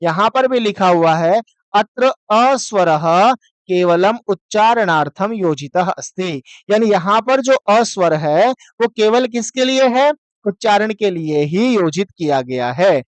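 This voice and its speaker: Teaching Sanskrit online, a man speaks a little slowly in a high, expressive voice captured in a dry recording. He drills his students on sounds one syllable at a time, asks them questions only to answer them himself, and blends Hindi explanation with Sanskrit that he reads out.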